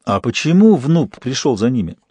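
A weary wounded man asking short, terse questions, voiced by the audiobook narrator. His voice is mellow and dark, dry and close. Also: mid-range voice, big pitch swings, normal speed, slightly rough, dry recording.

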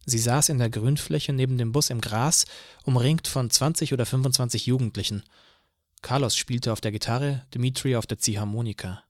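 A male audiobook narrator who tells the story in the first person, calm and measured. His voice sits at a middle pitch. The recording is dry and close, with no room sound. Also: no room sound.

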